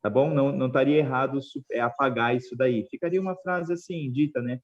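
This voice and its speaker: A man with a Brazilian Portuguese accent teaching an online English class, patiently spelling out examples slowly. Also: medium pitch, muffled recording.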